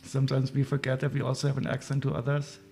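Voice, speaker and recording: Brief: German-accented male streamer, gravelly and flat, chatty, musing aloud, faint music under. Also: medium pitch, fast. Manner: chatty, muses aloud while sorting parts. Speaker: livestream host. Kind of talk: casual livestream chat.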